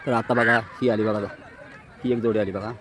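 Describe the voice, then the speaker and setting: This vlogger, whose voice is on the low side, speaks at a normal speed while commentating a bullock cart race in the countryside. Treating viewers as friends, he keeps repeating "look," thrilled each time carts go by. The outdoor recording is full of loud crowd noise and the din of the race.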